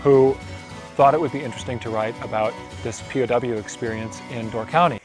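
A man's voice: mid-range voice, brisk. A middle-aged man, a founding member of a theater company, speaking in a matter-of-fact, conversational way outdoors. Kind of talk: documentary interview. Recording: music playing underneath.

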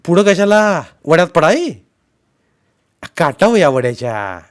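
A man voicing a gruff middle-aged village uncle in a spoken storybook, shouting orders across a stream. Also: mid-range voice, sing-song, moderate pace, lightly acted. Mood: commanding. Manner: loud, commanding calls.

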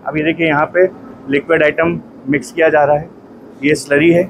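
Persuasive man pitching his factory. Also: level tone, a little fast, noisy background. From India. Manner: persuasive salesman, direct address to viewers. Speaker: detergent company owner and trainer. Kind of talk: promotional factory tour and pitch. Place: factory floor, then small office indoors. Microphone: phone at arm's length.

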